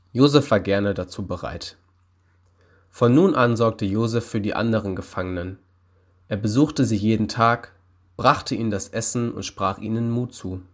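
A young man working with children reads a Bible story aloud in a friendly, calm storytelling voice. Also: on the low side. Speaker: youth worker reading Bible stories.

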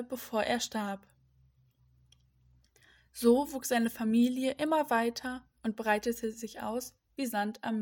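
A woman reading a Bible story for children on behalf of a church parish, in a friendly, clear and lively way. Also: fairly high pitch.

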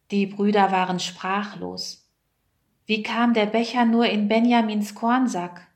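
A woman reads a Bible story aloud for children. She takes her time and reads slowly and clearly. Her voice sits at a middle pitch. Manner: slow, clear reading. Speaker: storyteller, children's choir member.

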